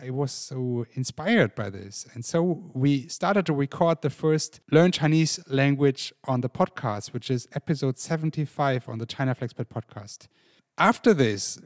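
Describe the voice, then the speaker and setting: Measured man from Germany, dry sound. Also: mid-range voice, lively intonation, darkish tone, no room sound. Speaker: guest and co-author. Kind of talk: podcast conversation.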